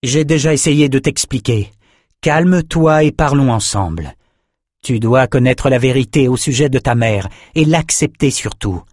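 A man's voice: mid-range voice, animated, a little slow, a little mellow, no echo, studio quality. Earnest young swordsman hero, read by a man. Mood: pleading. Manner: pleading, urgent.

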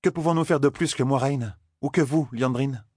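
Brief: curt, proud young woman, voiced by a man, lightly raised pitch, husky storybook narration. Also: moderate pace, a little mellow, dry recording, clean studio sound, natural voice. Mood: blunt. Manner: blunt, curt. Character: blunt proud young woman, former village healer.

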